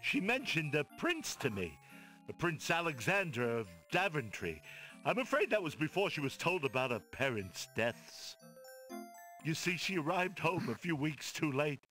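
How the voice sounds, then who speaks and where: A silly court clown from an adventure game. The voice is bright and highish, swinging widely in pitch with exaggerated theatrical flair, talkative and wistful, with faint music behind. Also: male voice, very animated, normal speed. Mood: sorrowful, confiding. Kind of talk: character voice acting in an adventure game.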